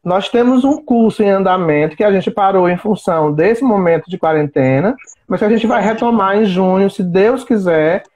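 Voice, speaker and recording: A man's voice: high-pitched, moderate pace, a little mellow. A man from Brazil hosting a live online talk, giving brief affirmations and then a wrap-up announcement. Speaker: host.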